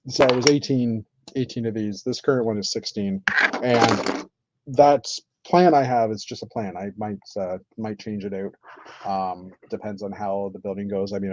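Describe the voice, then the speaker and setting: A man chatting casually on a live stream while building, thinking aloud with many pauses and fillers. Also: fairly low pitch, darkish tone, dry recording. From Canada. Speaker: streamer building with toy bricks. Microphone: computer mic on live stream. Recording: dull lo-fi stream audio.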